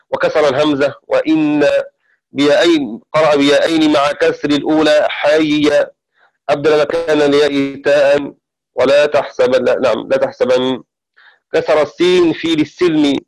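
A man teaching the variant readings of the Quran in a methodical classroom lecture, pausing now and then to correct himself. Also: mid-range voice, low-quality recording. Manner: steady, explanatory, pauses to correct himself.

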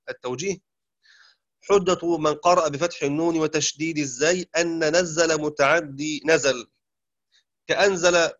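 A man teaching a lesson in a measured, explanatory way, now and then chanting short recited passages. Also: a little high, a bit bright, no echo. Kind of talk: lecture. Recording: dull, dry lo-fi sound.

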